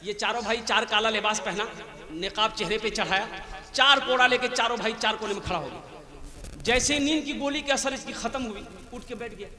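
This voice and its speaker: High, bright-voiced man preaching in an echoey hall. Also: brisk. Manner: rousing, calls out for donations and prayers; tells a comic folk tale in a lively, animated way. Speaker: Islamic preacher at a religious gathering. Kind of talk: fundraising sermon with storytelling. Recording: echoey hall from a public address system.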